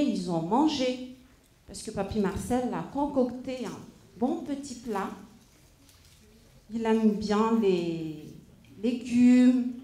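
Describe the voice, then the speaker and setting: A woman at a church service telling a story to children in an animated way, often stopping to ask them questions. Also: a little high.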